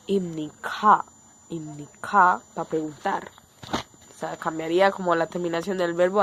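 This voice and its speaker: A Colombian woman with a Colombian Spanish accent teaches a casual online language lesson, explaining things step by step and often checking in with her viewers. Her pitch is fairly low, and there's slight background noise.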